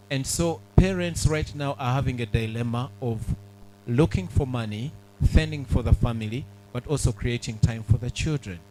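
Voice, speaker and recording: A middle-aged man, giving an earnest, measured public speech at a book launch, with pauses and fillers. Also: medium pitch, dark tone, a little hiss or hum, low-quality recording. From Uganda.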